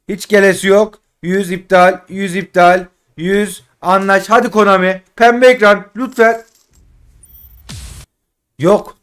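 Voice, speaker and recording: A man doing casual live commentary while opening game packs, frustrated and pleading, swinging between loud outbursts and muttering. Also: sits high, clean tone. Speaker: gaming streamer.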